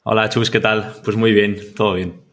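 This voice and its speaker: A man from Mallorca, Spain, speaking with a Spanish accent, answers casually as a podcast guest; he's a freelance content creator who rambles, repeating words and using tag questions. His voice is on the low side, level in tone, a bit bright, at normal speed.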